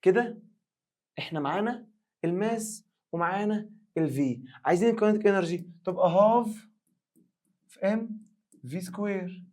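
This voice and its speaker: A young man with an Egyptian Arabic accent teaching a recorded science revision lesson, joking with imagined students and reading the English questions slowly. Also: high voice, darkish tone.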